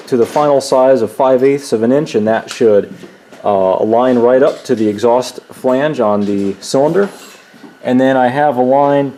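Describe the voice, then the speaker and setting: Male host, wisecracking workshop commentary, mellow tone. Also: mid-range voice, a little hiss or hum. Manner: joking, wisecracking. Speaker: channel host. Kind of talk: casual shop chat and commentary. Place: home workshop.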